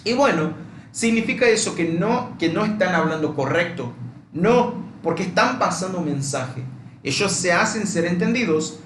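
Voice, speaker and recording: A man's voice: high voice, expressive, moderate pace, fairly bright tone, slight background noise. A man whose first language is Portuguese, giving a language lesson in a didactic way, repeating key points and checking in with rhetorical questions. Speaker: language teacher. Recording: roomy echo.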